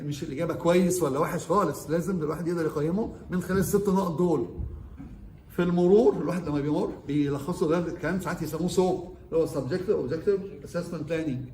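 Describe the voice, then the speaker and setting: A fast-talking Egyptian man with a slightly high voice lectures interns as their surgeon. He quizzes the room and switches between Arabic and English terms. The recording is roomy and echoey, with faint ambience underneath. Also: a little mellow, a little hiss or hum. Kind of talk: orientation lecture.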